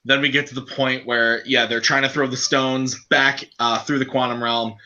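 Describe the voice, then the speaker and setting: A man's voice: mid-range voice, level tone, normal speed, pushed and bright. A man hosting a casual podcast, recapping scenes and steering the talk. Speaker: host. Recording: dull lo-fi mic.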